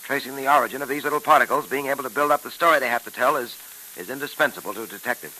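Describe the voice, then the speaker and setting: A man playing a calm, clever police detective on an old radio show, explaining things patiently and with self-assurance. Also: medium pitch, very fast, poor audio. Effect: old radio show broadcast. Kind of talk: 1940s radio acting.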